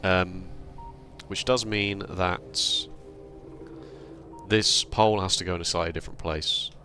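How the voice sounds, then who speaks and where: A man's voice: deep voice, fairly even intonation, measured pace, sharp tone. A man hosting his gaming channel, explaining his setup step by step in casual commentary with dry, self-deprecating humour. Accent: British. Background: faint background music.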